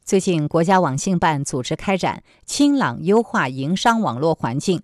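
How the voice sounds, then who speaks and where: A woman's voice: sits low, very animated, moderate pace, darkish tone, dry recording, studio quality. A woman working as a radio presenter, reading scripted news and commentary.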